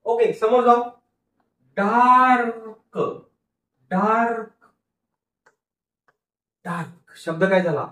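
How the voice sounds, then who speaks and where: Slowly and with frequent pauses, a man in a high, fairly bright voice guides a phonics lesson. He breaks words into syllables, says them again, and asks the class questions only to answer them himself. The mic sits far off in an echoey room.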